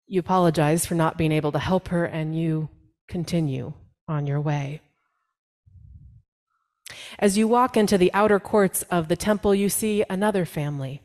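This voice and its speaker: A woman pastor delivering a storytelling sermon in the second person, with dramatic pauses and quoted voices. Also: lowish voice, darkish tone.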